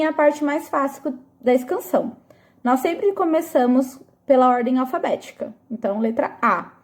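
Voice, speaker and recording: A woman teacher with a high-pitched but mellow voice gives a recorded review lesson. She explains step by step and often pauses to check that her students are keeping up. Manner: explains slowly and patiently, checking in with frequent "tá?".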